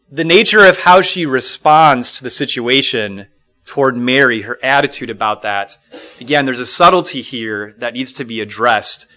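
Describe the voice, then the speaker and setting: A middle-aged man from Minnesota gives a Bible lesson. He sounds bright and forceful, earnest and reflective, and often pauses on fillers or starts a sentence over. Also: medium pitch. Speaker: Bible class teacher.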